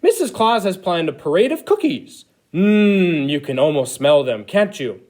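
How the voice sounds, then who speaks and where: A man's voice: fairly high pitch, big pitch swings, measured pace, darkish tone. A man voicing a kindly, jolly old Santa as an emphatic storybook character. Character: jolly old male Santa Claus, kindly sleigh leader.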